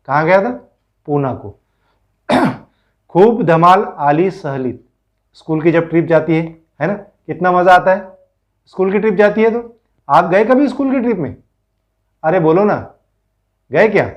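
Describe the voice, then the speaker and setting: A man's voice: fairly high pitch, dull audio. A male teacher explaining a school lesson, reading lines aloud, repeating words and asking pupils questions.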